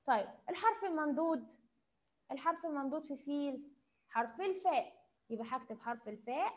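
High-voiced Egyptian kindergarten teacher. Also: female voice, animated. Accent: Egyptian Arabic. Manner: slow, drawn-out prompting questions with cheerful praise. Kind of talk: online class for young children. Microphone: computer mic on a video call.

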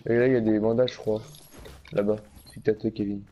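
A man's voice: on the low side, little pitch movement, fairly quick, lo-fi sound. A man talking casually with his squad over a video game voice chat. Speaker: gamer. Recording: slightly noisy game voice chat, gunfire.

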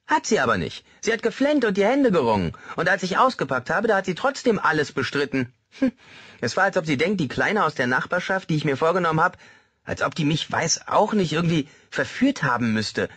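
A man voicing a small, squeaky-voiced male convict who talks bluntly and crudely. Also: sing-song, a little fast, fairly bright tone, husky, no echo, full character voice. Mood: griping. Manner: crude, chatty, indignant.

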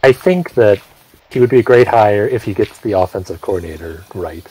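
Low-voiced man teasing deadpan. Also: a little fast, breathy edge, no echo, poor audio. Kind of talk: casual gaming banter on voice chat.

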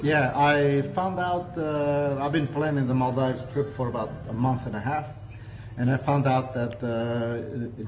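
A sixty-something Portuguese man with a Portuguese accent is chatting casually as an interview guest at a hotel cafe with large windows, indoors. His medium-pitched voice is darkish, and he rambles, often hesitating and restarting. It's a rough recording with a little hiss or hum and music behind the speech.

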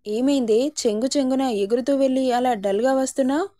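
A young husband in a spoken story, playful with his new wife and protective of her, as a woman narrator puts him on. The voice sits fairly high and mellow. It is the reader's own warm sound, barely changed. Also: fairly quick, natural voice. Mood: worried. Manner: teasing and affectionate, turning sharp and indignant.

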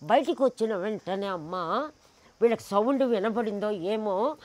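A woman's voice: mid-range voice, animated, a little slow, darkish tone, no room sound. A woman in an interview, telling a personal story with emphasis, acting out the people in it and firing off indignant rhetorical questions. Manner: acts out the people in her stories.

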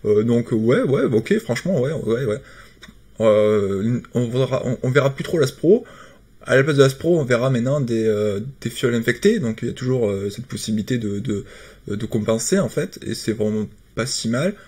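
A man's voice: mid-range voice, expressive, moderate pace, darkish tone, breathy edge. A man giving casual commentary on a card game patch. He hesitates often and restarts his sentences. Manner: hesitant, many fillers and restarts.

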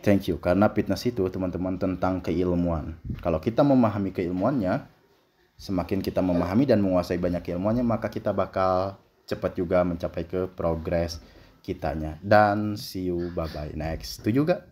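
A man's voice: sits low, normal speed, a little mellow. A young man chatting casually through his workout as a fitness vlogger, explaining while he lifts and dropping in loose English phrases, recorded by a camera set up across a large indoor gym. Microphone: camera on a stand at a distance.

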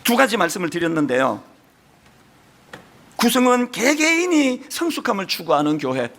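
A middle-aged male pastor from South Korea's Gyeongsang region preaches a sermon earnestly and emphatically, with a strong Gyeongsang accent. His voice is high and fairly bright, swinging widely in pitch, and he speaks at a moderate pace.

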